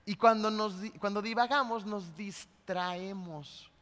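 A man with a Mexican accent preaching a sermon in a large church hall. He tells a personal story in a lively way and keeps checking in with the congregation. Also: high voice, takes it slowly. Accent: Mexican Spanish. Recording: long hall reverb.

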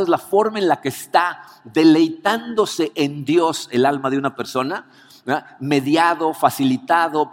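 Man preaching in a reverberant hall. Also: a little high. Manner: animated storytelling with rhetorical questions. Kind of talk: sermon.

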